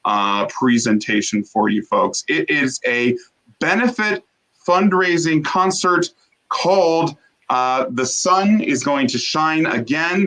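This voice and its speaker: A man hosting a theater show from home on a video call, talking in a halting way with many fillers, heartfelt and thankful. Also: fairly high pitch, pushed and bright, rough recording. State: briefly emotional, coughing. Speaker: host. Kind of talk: casual closing remarks on a video call.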